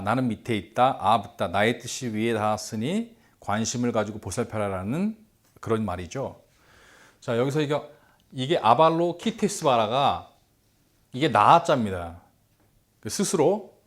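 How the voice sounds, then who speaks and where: A middle-aged man giving a lecture, explaining step by step, repeating key words and posing rhetorical questions. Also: medium pitch.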